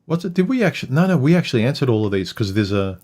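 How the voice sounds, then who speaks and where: On a livestream microphone, a man co-hosts a casual chat with his wife, his mid-range, darkish voice sing-song and very fast. He rambles, loses his train of thought and swears casually.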